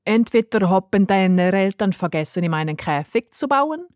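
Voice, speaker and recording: A woman voicing a kindly old grandfather who speaks calmly and soothingly, in a storybook reading. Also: medium pitch, moderate pace, no echo, clean studio sound, close to an everyday voice. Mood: gentle. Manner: calm, soothing, relishing.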